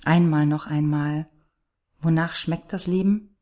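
A woman reading a first-person story aloud with passion, moving between hushed lines and outcries. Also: low-pitched, fairly even intonation, measured pace. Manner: impassioned, swinging from hushed to outcries.

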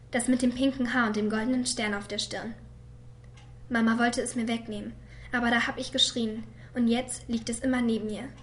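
A woman voicing a quiet, hurt young girl who reads a letter to her father in a soft voice that sometimes drops to a whisper. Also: on the high side, natural voice. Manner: soft and subdued, at times whispered. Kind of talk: voice-over reading of a letter.

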